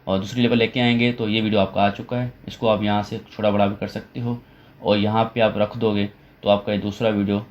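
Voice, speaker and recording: Man explaining a software tutorial, low voice. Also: lo-fi sound. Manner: step-by-step explaining with frequent fillers and restarts. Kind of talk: screen-recorded software tutorial.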